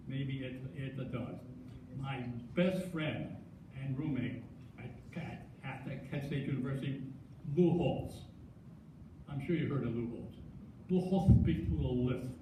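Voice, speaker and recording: A man's voice: medium pitch, noisy background. Older man stuttering through an acceptance speech. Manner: stutters, halting restarts and self-deprecating humor. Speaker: hall of fame inductee. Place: large hall with long echo. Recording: echoey hall, distant mic.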